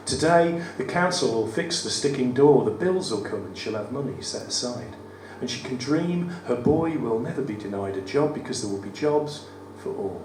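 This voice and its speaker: At a cabaret event in a studio theatre, this West Midlands performance poet reads his work in a croaky, medium-pitched voice, joking wryly at his own expense. He's expressive and a little mellow, at a normal pace with few pauses, captured by a far-off mic amid room noise and audience ambience in a roomy live venue.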